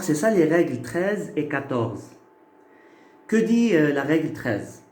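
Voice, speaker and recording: A man's voice: a little high, dark tone. A man teaching a phonetics lesson, explaining patiently and checking that listeners follow. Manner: slow, patient, checks in with "ok?" and "d'accord?". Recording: echoey room.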